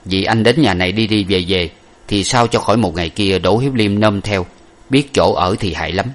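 A man voicing an earnest young masked gentleman who speaks in a grave, measured way. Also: fairly low pitch, lightly acted. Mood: solemn.

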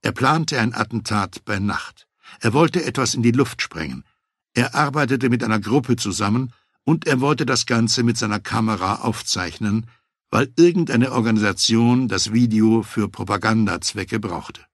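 A man reading a first-person memoir aloud as an audiobook narrator, in a measured, matter-of-fact way. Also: medium pitch, slightly rough, no echo, studio quality.

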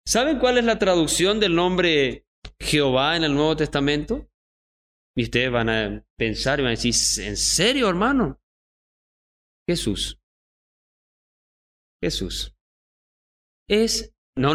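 Bright-voiced man teaching a Bible study. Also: mid-range voice, big-room sound. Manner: addresses listeners as brothers, asks if they understand.

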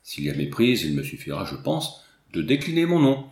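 A man's voice: on the low side, big pitch swings, fairly quick, a little mellow. Reserved young painter read by a man, polite and wary, echoey room. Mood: stern. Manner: polite, guarded.

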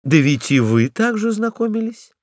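A man's voice: high-pitched, big pitch swings, moderate pace, no room sound, studio quality, voice pushed up. A man voicing a cheeky, sly female stray dog in a storybook reading, coy and ingratiating.

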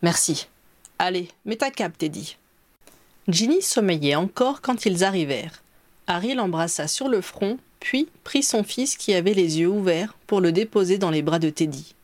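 A woman reading a story aloud as an audiobook, telling it clearly and evenly. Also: fairly low pitch, animated, normal speed, a little mellow, no echo. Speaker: reader. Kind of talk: audiobook narration of fan fiction.

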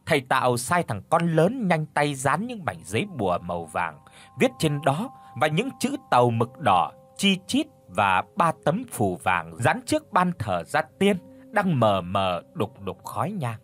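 Male audiobook narrator with a middle pitch and a lively intonation, telling a story at a steady pace. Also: unhurried, soft background music.

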